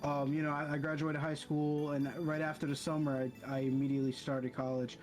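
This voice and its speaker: A man's voice: fairly high pitch, level tone, brisk, faint music behind. A young man, a college student, chatting casually over a voice call, rambling and stumbling over his words. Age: young adult.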